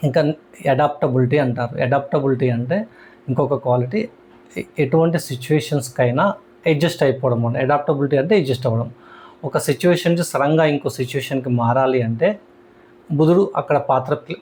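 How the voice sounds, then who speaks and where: Man explaining astrology, steady mid voice. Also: mid-range voice, slight background noise. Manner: repeats key terms, restarts often. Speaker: astrology teacher. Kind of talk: explanatory lesson talk.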